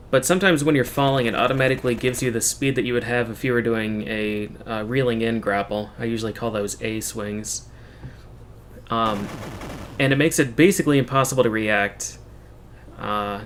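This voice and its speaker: A man giving casual speedrun commentary as the runner, explaining technical details in a matter-of-fact, halting way. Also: medium pitch, fairly bright tone. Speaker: speedrunner commentating on own run. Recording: game music playing behind the voice. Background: video game music.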